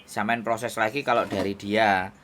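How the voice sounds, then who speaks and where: A man's voice: on the low side, fairly even intonation, moderate pace, fairly bright tone, slight background noise. A man with a Javanese accent giving firm advice over a phone call, lecturing and checking if he is understood. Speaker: advisor to migrant workers.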